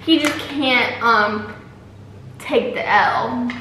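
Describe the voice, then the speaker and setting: High voiced girl in her 20s teasing and repeating herself, super echoey room, far from camera. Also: very slow, pushed and bright, slight background noise. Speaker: challenge video host. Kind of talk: casual banter in a food challenge. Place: small room at a table, indoors. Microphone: camera a few feet away.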